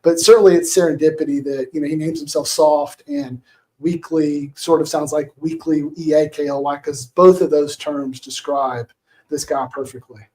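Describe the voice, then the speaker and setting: A man's voice: on the high side, steady tone, moderate pace, a little mellow. A man talking casually as a podcast guest, wry and hedging as he critiques someone. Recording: echoey room.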